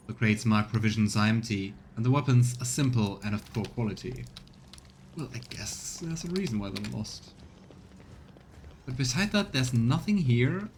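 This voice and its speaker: Casually streaming a let's play, a man muses aloud and reads the game text as video game music plays behind him. His voice is mid-range, and there's a little hiss or hum in the recording.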